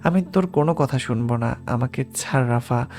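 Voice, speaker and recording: A man's voice: medium pitch, normal speed, darkish tone, close to an everyday voice. A man voicing a frightened young woman who pleads urgently, in an audiobook reading. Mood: agitated.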